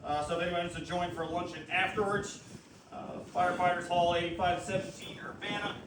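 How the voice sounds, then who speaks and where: A man's voice: high-pitched, fairly even intonation, fairly quick. A tearful man giving a eulogy, his voice close to cracking, with wry self-deprecating humor. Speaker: eulogist, army physician. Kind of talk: eulogy speech. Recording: echoey room, distant mic, background noise.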